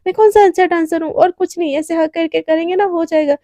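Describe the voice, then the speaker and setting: A woman's voice: very high voice, steady tone, fast talker, warm tone, no room sound, clean studio sound, voice pushed up. A woman voicing a smitten young man who pleads and coaxes, told in a Hindi story. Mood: coaxing.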